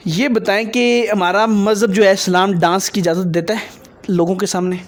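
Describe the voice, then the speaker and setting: A man's voice: high-pitched, fairly even intonation. A man interviewing a dancer for his video, probing her and lecturing her on religion and morals.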